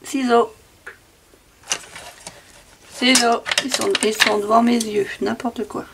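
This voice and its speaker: A woman at her craft desk talks to herself as she works, her voice fairly high with a gravelly, creaky edge. She keeps repeating little phrases back to herself in a sing-song way. There is a faint noise in the background. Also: steady tone, takes it slowly. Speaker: crafting video maker. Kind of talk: casual talk while crafting.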